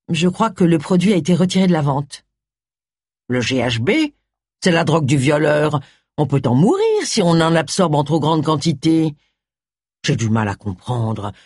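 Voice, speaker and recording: A stubborn, matter-of-fact woman detective who argues her point firmly, as a woman reader puts her on. The voice is husky and lively in pitch. It sounds dry and close. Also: no echo.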